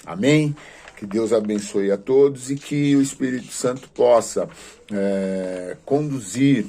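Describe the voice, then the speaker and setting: A man teaching a grammar lesson for a theology course, pausing often with filler sounds before explaining steadily, with prayerful asides. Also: medium pitch. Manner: hesitant, many filler sounds and restarts, then steady explaining.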